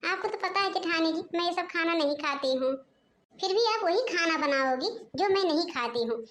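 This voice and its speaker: A woman's voice: very high voice, expressive, moderate pace, a bit bright. A woman voicing a sassy, picky young daughter-in-law from the city in a cartoon, complaining and talking back. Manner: complaining, snappy.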